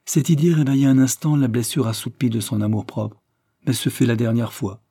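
A man reading a literary short story aloud as an audiobook narrator, in a measured, even storytelling manner on a close mic. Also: medium pitch, husky, dry recording.

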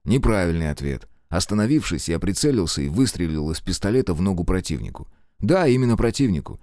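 A man narrating a first-person audiobook in a steady, expressive storytelling manner. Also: low voice, no echo, studio quality.

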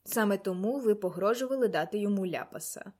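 A woman reading an audiobook, voicing a genial male doctor with a dry, amused courtesy in a slightly lowered voice. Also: lively intonation, fast, darkish tone, close to an everyday voice. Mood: wry amused. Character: genial middle-aged male doctor, wry.

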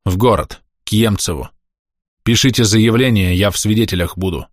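A man's voice: lowish voice, normal speed, no room sound, studio quality, lightly acted. A man playing an injured, embittered grown man who mutters in barely held rage. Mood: seething. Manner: muttering through clenched teeth.

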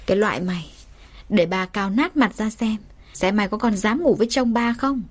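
Woman voicing a vicious, shrill middle-aged wife, scolding and threatening. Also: fairly quick, natural voice. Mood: furious scolding.

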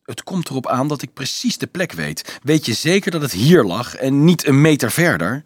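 Man voicing anxious young hero, urgent, troubled, lively pitch, dry sound. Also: normal speed, breathy edge, dry recording. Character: anxious young man searching for his father.

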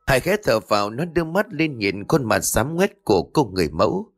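A man's voice: mid-range voice, sing-song, fairly quick. A man narrating a horror story in a dramatic, tense read. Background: faint music.

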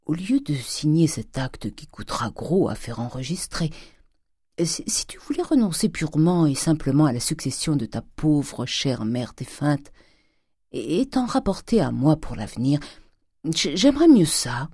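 Brief: reader playing a scheming old miser, coaxing, stammering, dark dry audiobook voice. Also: sing-song, unhurried, breathy edge, no room sound, full character voice. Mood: wheedling. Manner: wheedling, stammering, with sudden whispers and high jumps. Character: old miserly father, cunning and wheedling.

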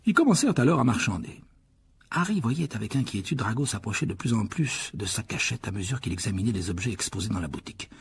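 A man narrating an audiobook in a steady, measured storytelling manner. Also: lowish voice, vocal fry, breathy edge.

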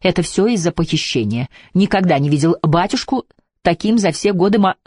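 A man's voice: sits high, expressive, brisk, darkish tone, no echo, studio quality, pitched above the performer's own voice. A man reading an audiobook, voicing a nervous chauffeur who answers his mistress deferentially.

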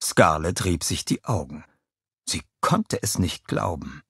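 A man narrating a children's audiobook in an expressive, lively storytelling way. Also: low voice, measured pace, creaky, breathy edge, dry recording, studio quality. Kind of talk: scripted narration.

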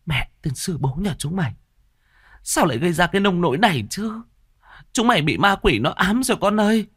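A frantic middle-aged mother, put on by a male storyteller, her voice pushed high and shrill. She scolds and pleads with wild swings of pitch, like a character in a spoken ghost story. The sound is dry and close, with faint music behind. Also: very animated, a little fast, a bit bright, husky, no room sound, heavily acted. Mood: scolding.

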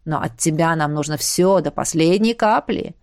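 A woman reading an audiobook, voicing a mad, cruel villainous queen who taunts slowly and savors her words. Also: low voice, darkish tone, no room sound, clean studio sound, pitched below the performer's own voice. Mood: gloating. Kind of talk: audiobook character voice.

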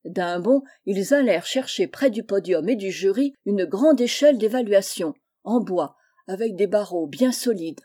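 A woman reading a children's Christmas tale aloud in a gentle, measured way. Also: mid-range voice, animated. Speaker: storyteller.

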